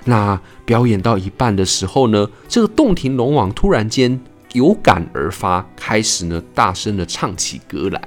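A man's voice: lowish voice, big pitch swings, moderate pace, few pauses, soft background music. A man hosting a podcast, retelling an old tale in a playful, laughing way. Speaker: podcast host. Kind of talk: storytelling podcast chat.

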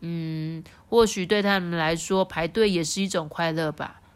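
Woman playing a calm, thoughtful boy cat. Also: lowish voice, normal speed, clear, resonant tone, natural voice. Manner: gentle, reasoning. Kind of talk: storybook reading.

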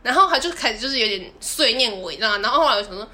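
Quick, bright-voiced woman telling a story. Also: fairly high pitch. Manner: animated, laughing, acts out quoted people. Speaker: podcast co-host. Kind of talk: casual storytelling chat.

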